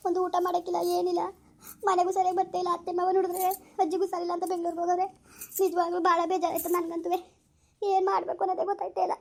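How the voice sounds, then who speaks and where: A young woman vlogger with a very high, gravelly voice. She talks at a rapid clip, plaintive and upset, circling back to the same words. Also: a little mellow. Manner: plaintive, upset, repeats herself. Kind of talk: emotional phone talk and vlog outro.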